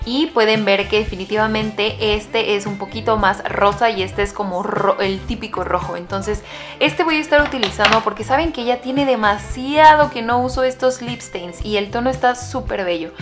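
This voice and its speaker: A woman's voice: medium pitch, normal speed, over music. A young woman in her twenties chatting casually to camera as a beauty vlogger, gushing about her picks with many fillers and restarts. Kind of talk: casual makeup chat to camera.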